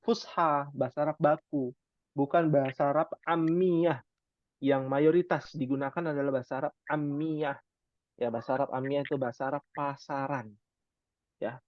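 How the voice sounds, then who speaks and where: A man's voice: fairly high pitch, fairly even intonation, moderate pace, dry recording. Man teaching Arabic, dry lo-fi sound. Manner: conversational, rhetorical questions, frequent "ya" fillers. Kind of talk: online class lecture.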